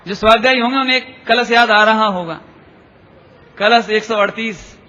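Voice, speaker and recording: A man giving a devotional lecture, chanting scripture verses slowly and explaining them with questions put to the listeners. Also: sits high, bright, forceful tone. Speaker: Jain preacher. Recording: dull lo-fi recording in a reverberant hall.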